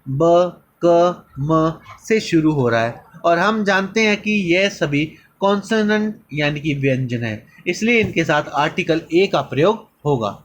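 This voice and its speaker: A man teaching English grammar in a slow lesson, calling viewers children and reading examples slowly. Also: fairly high pitch, fairly bright tone, a little hiss or hum, poor audio.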